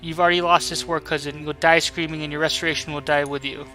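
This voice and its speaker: A defiant captured villainess from a video game, acted out by a man. The delivery sputters with gloating menace, sneering like a foiled villain. The voice is forceful and slightly high for a man, over faint music. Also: little pitch movement, quick pace. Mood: bitter menace. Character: sneering, defiant female villain, captured noble mech pilot. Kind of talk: dramatic read-aloud of game dialogue.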